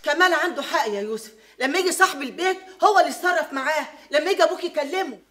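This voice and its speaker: A woman's voice: high voice, very fast, sharp tone, a little hiss or hum. Soothing Egyptian mother. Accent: Egyptian Arabic. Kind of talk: Egyptian film drama.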